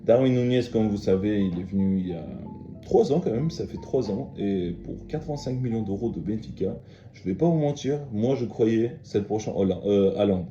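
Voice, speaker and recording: Dark-voiced young man chatting football. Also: fairly low pitch, moderate pace. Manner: chatty, emphatic, with many fillers and restarts. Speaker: football video host. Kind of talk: casual football analysis. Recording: dull lo-fi sound in an echoey room with faint music.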